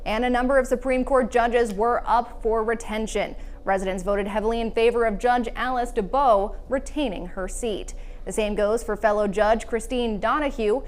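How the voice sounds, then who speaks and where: A woman co-anchoring a news broadcast and reading election results in a crisp, even way. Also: fairly high pitch.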